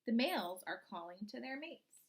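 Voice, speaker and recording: A woman reads a children's picture book aloud like a teacher, very animated and expressive in a voice on the high side. She often pauses to ask the young listeners guiding questions.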